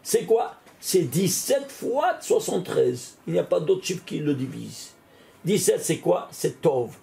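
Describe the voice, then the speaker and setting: A man, a rabbi, giving an animated Torah lesson, often exclaiming and putting questions straight to the listener. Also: fairly high pitch, measured pace, vocal fry. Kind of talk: lively spoken Torah lesson.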